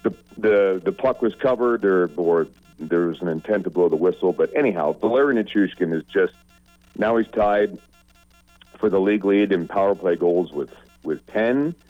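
Deeper-voiced guy on sports talk radio, kinda rambly and jokey, muffled dry studio sound. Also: moderate pace, dry recording, faint music behind. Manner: joking, rambling, trails off and restarts. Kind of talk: casual sports radio banter.

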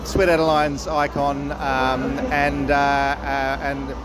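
A man's voice: medium pitch, little pitch movement, takes it slowly. An Australian man hosting a casual on-the-spot podcast interview, chatty and hesitant as he shapes his questions. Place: busy convention venue. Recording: noisy location recording, busy venue ambience.

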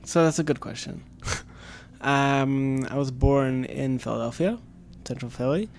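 A man in his twenties who grew up in Sweden answers questions in a casual interview as a guest from the camp staff, hesitating and using many fillers. He speaks unhurriedly at a medium pitch with vocal fry, and there's a little hiss or hum.

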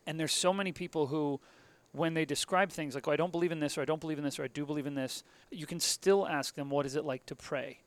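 A man's voice: fairly high pitch, steady tone, quick pace, no room sound. An American man hosting a podcast interview in a casual, wry and rambling conversational style. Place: basement room of a convention center.

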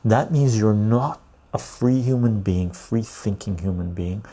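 A man's voice: lowish voice, unhurried, warm tone. A man, hosting a casual livestream, reading chat and rambling with frequent "right?" tags. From Canada, born in Iran. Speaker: livestream host.

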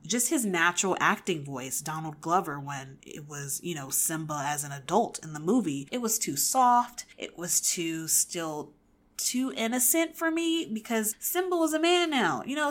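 A woman in her twenties hosting a podcast, giving casual pop-culture opinions in an emphatic, opinionated way with frequent restarts. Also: mid-range voice. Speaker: podcast host.

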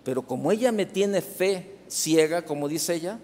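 A middle-aged Mexican man preaches in a fairly high voice, telling a story in a loose, conversational way. He breaks off and starts over often and keeps checking in with the congregation. His voice carries a long reverb from the church hall. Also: expressive, normal speed, mellow. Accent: Mexican Spanish. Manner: storytelling with many restarts and asides to the congregation. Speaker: pastor. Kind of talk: sermon.

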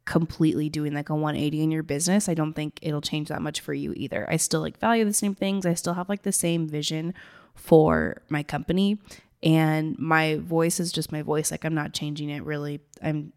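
Low, gravelly woman chatting casually. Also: level tone, normal speed, darkish tone. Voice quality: gravelly, raspy. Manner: informal, rambling, chatty. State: tired early-morning voice. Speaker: business coach and host. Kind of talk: casual solo talk to listeners.

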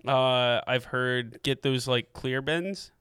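A man's voice: mid-range voice, slow pace, fairly bright tone, clear, resonant tone, no room sound, studio quality. A man co-hosting a casual show about camera deals, rambling and laughing easily. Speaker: co-host.

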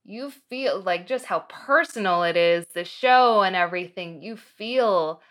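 A woman's voice: medium pitch, unhurried, fairly bright tone. A woman from Morocco who teaches film students, speaking thoughtfully in a radio interview.

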